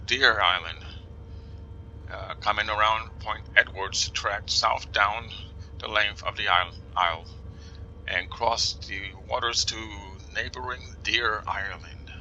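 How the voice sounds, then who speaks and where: A man with a New Jersey accent and a sharp-toned, lowish voice gives casual flight sim commentary, thinking out loud and reading instructions slowly. He frequently slips into a whisper. The sound is lo-fi with slight background noise.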